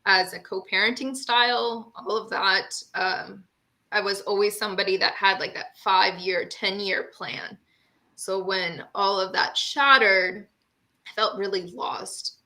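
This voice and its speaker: A woman's voice: mid-range voice, sharp tone. A young woman from Honduras, a guest on an online talk show, telling her own story in an earnest, candid way with frequent fillers. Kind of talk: personal storytelling in a live-stream talk.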